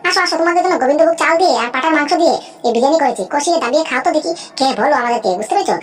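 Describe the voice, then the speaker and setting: A woman's voice: high voice, very fast, faint music behind, lightly acted. A woman voicing a greedy, snobbish, scheming sister-in-law in a cartoon, chattering nonstop and constantly asking whether the listener understood. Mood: falsely sweet. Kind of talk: cartoon voice acting.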